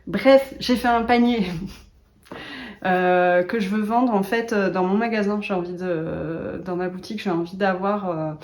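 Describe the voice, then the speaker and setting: A woman chatting casually in a knitting vlog as a yarn shop owner, self-mocking, laughing often and pausing with many hesitations. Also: medium pitch, steady tone, darkish tone, a little hiss or hum.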